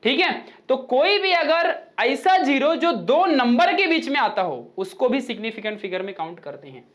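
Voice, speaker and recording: A male physics teacher, giving a chatty, informal online lecture in which he reads rules out slowly and then explains them with joking asides. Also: extremely high pitch, sing-song, a bit bright.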